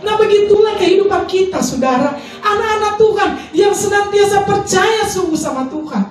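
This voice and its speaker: High-voiced woman preaching in an echoey hall. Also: fairly quick, recorded from a distance, a little hiss or hum. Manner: emotional testimony, pleading prayers, sometimes sing-song. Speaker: pastor. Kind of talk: sermon. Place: large church hall. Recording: echoey church hall from afar, faint music.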